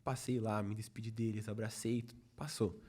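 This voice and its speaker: A man's voice: on the low side, level tone, moderate pace, darkish tone. Brazilian man telling a testimony. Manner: storytelling, acts out quoted dialogue, many "falei assim" asides. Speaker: podcast guest, youth ministry leader. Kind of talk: casual testimony in a podcast chat.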